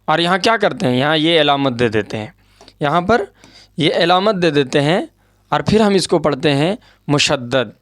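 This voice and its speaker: A man's voice: on the high side, expressive, fairly bright tone, no echo. A man teaching an Urdu grammar lesson at a board, patient and repetitive, often checking that his students follow. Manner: patient, repeats points, checks understanding with asides.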